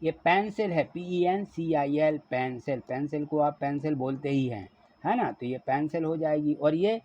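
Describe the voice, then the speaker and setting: Male teacher, fairly high voice, husky, spells words letter by letter, asks questions. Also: normal speed, warm tone. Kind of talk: classroom lesson explaining a worksheet. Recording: dull lo-fi recording.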